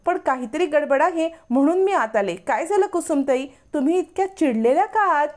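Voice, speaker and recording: A woman's voice: sits high, expressive, brisk, a little mellow, pitched above the performer's own voice. A woman voicing a curious, chatty mother of the house who asks questions and soothes.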